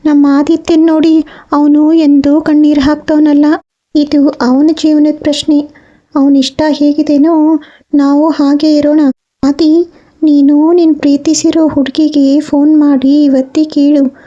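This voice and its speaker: A woman's voice: sits high, level tone, unhurried, dark tone. A woman playing a caring middle-aged mother who soothes her son and argues for him. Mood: reasoning. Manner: soothing, reasoning, firm. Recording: slightly dull audio.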